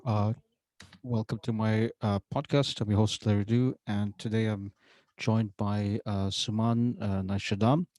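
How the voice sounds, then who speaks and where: A man hosts a casual podcast interview in a fairly low voice, pausing often and filling the gaps with uh. The recording is dry and close, with no room sound around him. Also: flat delivery, a little mellow, no echo. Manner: hesitant, many uh fillers. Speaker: podcast host. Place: university setting.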